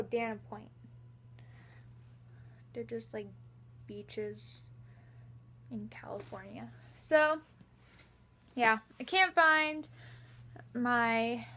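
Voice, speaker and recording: A woman's voice: on the high side, fairly bright tone. A young woman chatting casually to camera from her bedroom, rambling and giggling, her speech slightly lisped by a retainer. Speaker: vlogger. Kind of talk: casual vlog chat.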